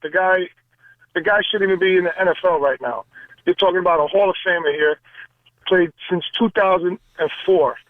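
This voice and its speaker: Upset caller guy on a tinny phone line, kinda high voice, keeps repeating himself. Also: no echo. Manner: upset, repetitive. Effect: phone call on radio. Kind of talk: call-in radio.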